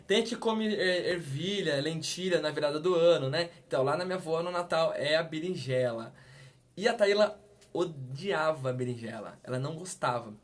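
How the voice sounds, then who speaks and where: A man in his thirties, a pastor, telling stories in a casual, direct chat. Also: fairly high pitch. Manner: storytelling, animated and direct.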